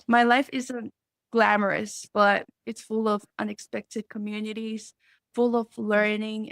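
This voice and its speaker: A woman's voice: medium pitch, creaky, fairly bright tone, no echo, studio quality. A young woman from Samoa, a student guest on a podcast, speaking earnestly and reflectively about faith. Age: young adult. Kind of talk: podcast interview.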